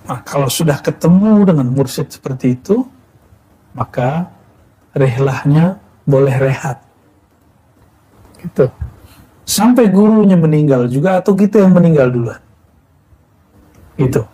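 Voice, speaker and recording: A man in his thirties from West Sumatra, preaching calmly to students with rhetorical questions and a frequent "ya". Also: on the high side, a little slow, long pauses, slightly rough, poor audio. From West Sumatra, Indonesia. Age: 30s. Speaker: Islamic preacher. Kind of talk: sermon to students.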